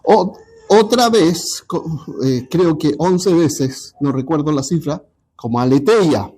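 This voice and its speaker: A man teaching a Bible study class, pausing often and checking in with his listeners. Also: a little high, lively intonation, mellow. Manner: halting, repeats ¿ya? to check understanding.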